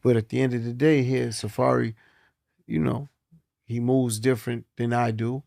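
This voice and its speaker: Gravelly man in his fifties. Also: medium pitch, fairly even intonation, moderate pace, warm tone, dry recording, studio quality. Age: 50s. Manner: earnest, reflective, repeats words as he thinks. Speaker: guest, film producer. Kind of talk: casual chat.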